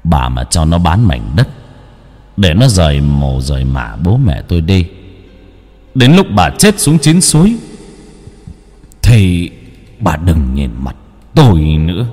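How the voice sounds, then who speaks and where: A man's voice: low-pitched, huge pitch swings, slow pace, pauses often, warm tone, in a large hall, voice pushed down, heavily acted. A man voicing the ghost of a stern old husband giving a grave warning. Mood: grim warning.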